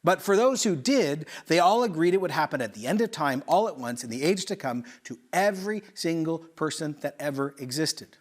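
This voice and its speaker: A middle-aged male pastor from Canada, preaching in an animated, conversational way with rhetorical questions and quick asides. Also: on the high side. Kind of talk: sermon.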